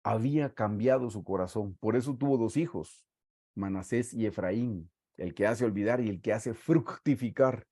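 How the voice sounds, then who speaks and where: A man with a Guatemalan Spanish accent preaching a sermon, reading scripture aloud and stressing words slowly for emphasis. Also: lowish voice, dark tone, no echo, clean studio sound. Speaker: pastor.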